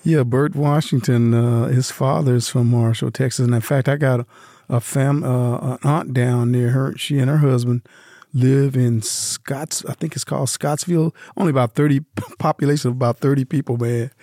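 A man's voice: medium pitch, fairly even intonation, normal speed, mellow, dry recording, clean studio sound. A male radio show host doing an interview in an easygoing, conversational way.

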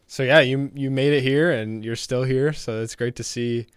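A man's voice: mid-range voice, steady tone, moderate pace, smooth, dry recording, clean studio sound. A young man interviewing in a casual, agreeable chat with informal, youthful wording.

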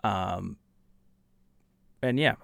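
A man's voice: on the low side, very slow, vocal fry, a bit bright, no echo. A man hosting a casual solo podcast, talking bluntly and trash-talking, with lots of ums and uhs. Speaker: podcast host.

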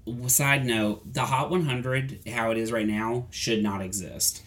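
A man's voice: mid-range voice, steady tone, a little slow, fairly bright tone. Chatty man rambling about pop music. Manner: chatty, rambling with many fillers and restarts. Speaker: podcast co-host.

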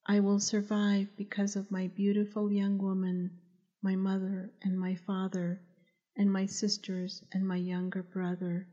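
A woman's voice: medium pitch, completely flat delivery, warm tone, highs cut off, close to an everyday voice. A woman reading as a solemn young warrior. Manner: slow, solemn vows. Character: young male warrior, resolute and protective.

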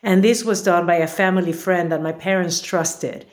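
Woman from peru talking slow and earnest on a podcast, kinda low voice. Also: fairly even intonation. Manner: earnest, reflective, with many fillers. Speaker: podcast guest, author. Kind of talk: personal interview.

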